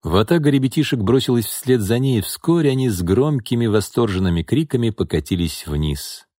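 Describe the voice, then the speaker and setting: A man narrating an audiobook in an expressive storytelling manner. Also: medium pitch, fairly quick, no room sound, studio quality. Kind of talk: scripted narration.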